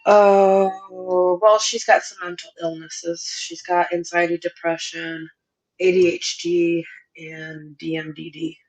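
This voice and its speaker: A middle-aged woman talks casually in a squeaky, stuffed-up voice, as if through a sinus cold. Her pitch sits a little low for a woman, and she chats informally as a livestream guest. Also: little pitch movement, slow pace, poor audio. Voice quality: squeaky, congested voice from a sinus infection. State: congested with a sinus infection. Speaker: livestream guest chatting with viewers. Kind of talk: casual chat.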